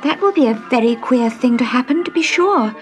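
Woman doing a tearful little girl, high and plaintive, storybook reading, lively swoops, music underneath. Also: fairly quick. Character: young girl Alice, tearful and earnest.

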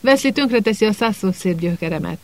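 A spoiled schoolboy who whines and sneers with mock sympathy, voiced by a man narrating a storybook. The tone is high with a gravelly rasp, close and dry. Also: expressive, no room sound. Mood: smug whining.

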